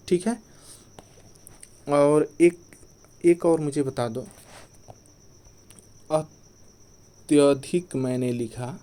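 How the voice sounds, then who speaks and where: A male teacher gives an exam-prep grammar lesson in a slightly high but mellow, warm voice. He drills his points by asking a question and answering it himself, over and over. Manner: repeats each point as a quiz question, then answers it. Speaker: Hindi teacher.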